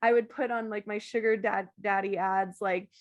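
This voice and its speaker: A woman's voice: medium pitch, steady tone, moderate pace, muffled recording. A woman in casual podcast conversation, talking candidly and animatedly, often laughing and acting out quotes.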